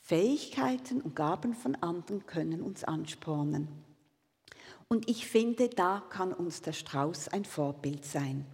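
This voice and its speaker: A woman giving a calm, gentle sermon built around a read-aloud story. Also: fairly low pitch, measured pace, gravelly, slightly rough, in a large hall. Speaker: preacher.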